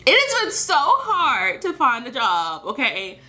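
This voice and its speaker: A thirty-year-old American woman vlogs casually, catching up and telling her story candidly with emphatic, conversational phrasing. Her voice sits high and swings hugely in pitch, with a slightly slow pace and a sharp tone.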